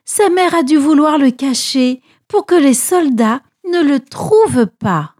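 A woman voicing a kind young princess in a children's Bible storybook, speaking softly and regally. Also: high-pitched, lively intonation, takes it slowly, voice pushed up. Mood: concerned.

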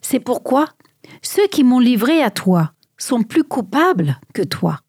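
A woman voicing a calm, quiet Jesus in a storybook Bible reading, close to her own voice. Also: a little high, takes it slowly, breathy edge, dry recording, exaggerated voice.

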